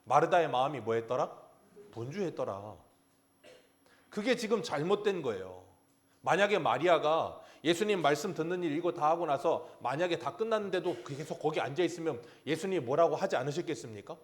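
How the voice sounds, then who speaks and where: Man preaching, pastor, slightly raised pitch, asks and answers his own questions, sermon delivery. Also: animated, fairly quick. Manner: asks the congregation questions and answers them himself.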